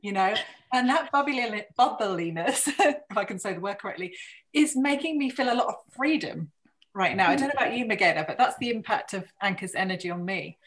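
A woman co-hosting a podcast, warm and enthusiastic, sometimes laughing at her own words. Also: medium pitch, animated, fairly quick. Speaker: podcast co-host. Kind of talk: casual interview chat.

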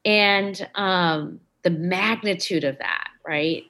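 A woman's voice: lowish voice, slow pace, pushed and bright. A woman guest in an interview, speaking in an impassioned, emphatic way. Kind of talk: interview conversation.

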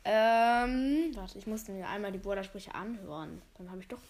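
A woman's voice: mid-range voice, moderate pace, darkish tone. A woman chatting playfully while playing a video game at home, bossing her friend into imitating the game's voice lines. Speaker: gamer. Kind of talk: casual chat while gaming. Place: living room at home. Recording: roomy echo with background noise.

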